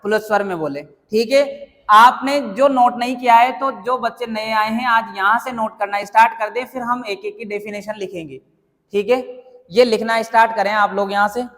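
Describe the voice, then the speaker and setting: A man teaches a classroom grammar lesson in a fairly high voice. He keeps asking the students questions and then answers them himself. The room gives his voice a long, ringing reverb. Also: fairly even intonation, normal speed, fairly bright tone.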